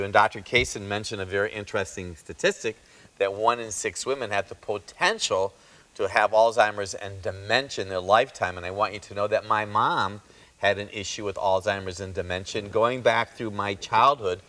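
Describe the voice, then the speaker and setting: A man hosting a health talk show as a chiropractor, speaking emphatically and slowing down to stress his points. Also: fairly low pitch, fairly bright tone.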